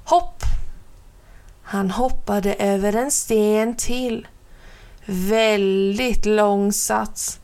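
A woman reading a children's storybook aloud with calm, lively pacing and playful pauses. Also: on the high side. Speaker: narrator.

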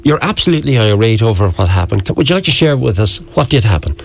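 A man hosting a live radio interview in a conversational, slightly halting way. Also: mid-range voice, sing-song, gravelly. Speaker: radio host.

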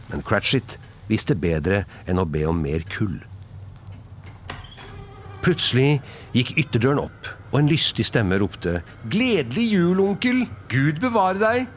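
Expressive low-voiced male storyteller. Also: slight background noise. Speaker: narrator. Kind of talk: scripted storybook narration.

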